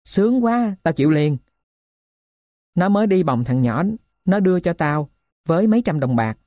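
A woman voicing a poor middle-aged male thief who tells his story in a rough, blunt way. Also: lowish voice, lively intonation, normal speed, dark tone, dry recording, clean studio sound, lightly acted. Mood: gruff.

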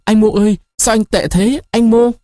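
A man's voice: fairly high pitch, lively intonation, fairly quick, warm tone, no echo, clean studio sound, lightly acted. A man voicing a timid young village girl who pleads tearfully with her lover. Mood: pleading.

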